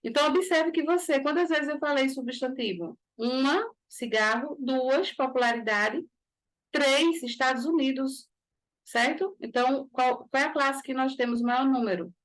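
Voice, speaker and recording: A woman with a Brazilian Portuguese accent teaches a grammar lesson aimed at exam preparation, taking it step by step and checking in often with tag questions. Her voice is high and fairly bright, and she speaks unhurriedly.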